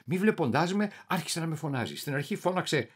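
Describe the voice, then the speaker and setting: A man performing a theatrical reading as a deluded, paranoid middle-aged clerk, swinging wildly between shouting and muttering. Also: on the high side, lively intonation, breathy edge. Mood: bewildered, paranoid. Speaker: reader of a dramatic monologue.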